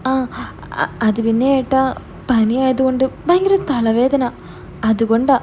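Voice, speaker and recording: A woman's voice: high-pitched, a little slow, warm tone, slight background noise. A woman voicing a scared teenage younger sister who pleads and hesitates. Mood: pleading.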